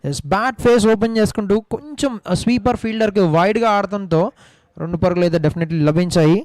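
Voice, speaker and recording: A man with an Indian accent giving excited, emphatic live cricket commentary. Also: sits high, fairly quick, no room sound. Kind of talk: live cricket commentary mixing Telugu and English.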